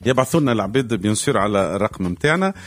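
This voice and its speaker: A man's voice: on the low side, lively intonation, very fast, dry recording. A Tunisian man co-hosting casual radio chat, often breaking off and restarting his words. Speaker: radio co-host.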